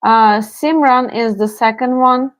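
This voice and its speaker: A fairly high-pitched Turkish woman chats with her viewers during a live tarot reading, with no echo in the audio. She takes it slow, stays relaxed and laughs softly.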